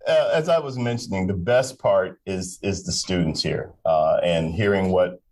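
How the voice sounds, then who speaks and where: A man's voice: low-pitched, moderate pace, a little mellow. A man hosting a live aviation talk show, introducing guests in a friendly, joking way. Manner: friendly, jokey, stumbling over names. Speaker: host.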